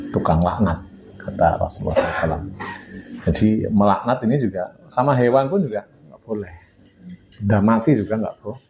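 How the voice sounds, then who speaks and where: Mellow low-voiced Javanese man teaching. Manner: chuckles often, acts out everyday dialogue. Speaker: religious teacher. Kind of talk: casual religious teaching to a study group. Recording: dull lo-fi recording with faint hiss.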